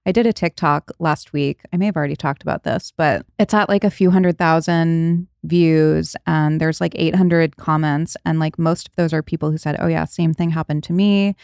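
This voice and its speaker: A woman's voice: low voice, fairly even intonation, moderate pace, few pauses, darkish tone, no room sound, clean studio sound. A woman in her late thirties hosting a podcast, chatting casually, laughing often and trailing off mid-thought. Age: 30s. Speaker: podcast host. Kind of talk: casual chat.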